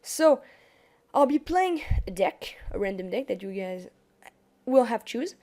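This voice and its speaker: A young woman gaming YouTuber with a French accent narrates a card game on screen, chatting casually over the screen capture and often restarting sentences. Her fairly high, mellow voice swings widely in pitch and moves unhurriedly.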